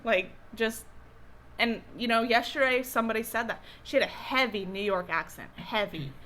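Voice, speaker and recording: With slight background noise behind her, a young co-host of an eating vlog chats at normal speed in a fairly high, slightly bright voice. Her talk wanders and hesitates, full of fillers and false starts as she eats.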